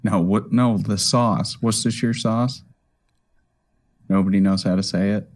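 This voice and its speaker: Low-voiced man in hesitant casual chat. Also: steady tone, measured pace. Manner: hesitant, restarts often, laughs easily. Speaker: podcast co-host.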